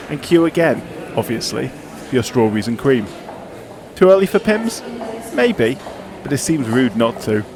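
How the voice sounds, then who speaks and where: A man's voice: mid-range voice, background noise. A man reading a scripted, dramatic podcast introduction. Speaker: podcast host.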